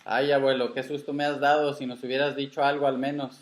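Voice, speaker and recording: A man reading a story aloud and voicing an earnest young granddaughter who pleads in a slightly raised, slowed voice. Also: mid-range voice, fairly even intonation, natural voice. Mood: pleading. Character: brave, worried young granddaughter on a ranch.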